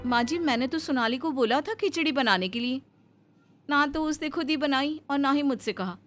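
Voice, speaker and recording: A woman's voice: high voice, normal speed, fairly bright tone, soft background music, pitched above the performer's own voice. A woman voicing a scheming young daughter-in-law who tattles and taunts in a cartoon story. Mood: complaining.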